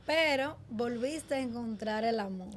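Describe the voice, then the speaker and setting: A woman's voice: fairly high pitch, expressive, a little slow, slight background noise. A woman hosting an interview podcast, prompting her guest with short questions and agreement.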